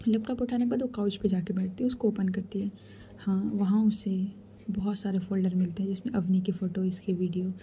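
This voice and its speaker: Woman storyteller, intimate whisper, very dark mellow voice, faint hiss behind. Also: mid-range voice. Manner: soft, intimate, conversational.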